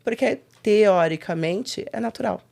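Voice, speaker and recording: A young adult woman, a guest in a casual interview, telling stories with lively quoted asides. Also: medium pitch, gravelly. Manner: animated storytelling with quick quoted asides.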